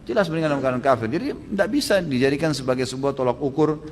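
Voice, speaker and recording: A male preacher answers audience questions at a brisk clip, pressing his points with emphatic bursts. His voice carries a long hall reverb over a faint murmur of ambience. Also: medium pitch, slight background noise. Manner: animated, emphatic, rising to forceful exclamations. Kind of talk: Islamic Q&A lecture.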